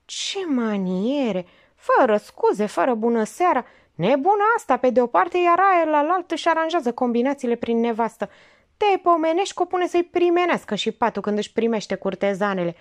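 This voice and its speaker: Audiobook role: sardonic elderly aunt, cutting and lecturing, lively high delivery, read by a woman.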